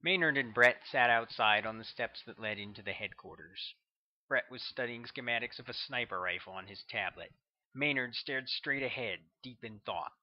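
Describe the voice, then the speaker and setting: An author narrates his own novel as an audiobook, telling the story in a steady, measured way. His voice is medium in pitch, and the recording sounds slightly muffled.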